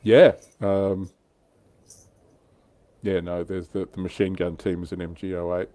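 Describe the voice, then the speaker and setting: A livestream host chats casually about history, explaining it in an informal, enthusiastic, talkative way. His voice is deep and dark in tone, yet his delivery is flat and unhurried.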